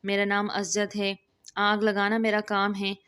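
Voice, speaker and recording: A woman's voice: medium pitch, monotone, fairly bright tone, smooth, close to an everyday voice. A woman reading the lines of a mischievous, teasing young man in a storybook, in a cheeky, playful manner.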